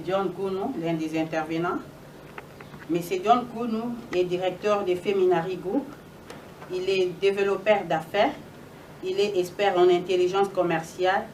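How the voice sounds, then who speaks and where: A woman's voice: on the low side, darkish tone. A middle-aged woman moderating a public event, emphatic and repeating phrases for stress. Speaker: event moderator introducing speakers. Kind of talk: public address. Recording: echoey noisy room, distant microphone.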